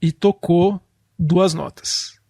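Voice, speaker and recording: A man's voice: high voice, fairly even intonation, slow, vocal fry, darkish tone, slightly rough, no room sound, clean studio sound. A man co-hosting a podcast, explaining film history fluently in a storytelling way. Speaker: podcast co-host. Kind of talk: casual film music discussion.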